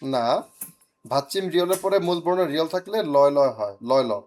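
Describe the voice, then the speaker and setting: A man teaching Korean, correcting a student's reading and drilling words slowly syllable by syllable, with some teasing. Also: fairly high pitch, lively intonation, darkish tone.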